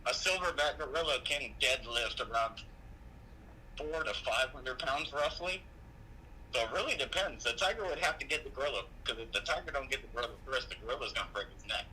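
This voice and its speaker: Man heard through a phone on speaker, very bright tone, matter-of-fact explainer. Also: mid-range voice, expressive, fairly quick, slight background noise, poor audio. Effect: speakerphone call. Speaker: phone-in friend. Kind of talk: casual chat.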